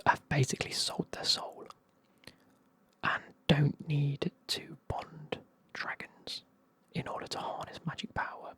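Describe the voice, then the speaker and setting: This whispered ASMR book recap comes from a reviewer with a medium-pitched, slightly rough voice. The speaker meanders through a fantasy novel's plot in a soft, casual whisper, full of fillers and regular cursing.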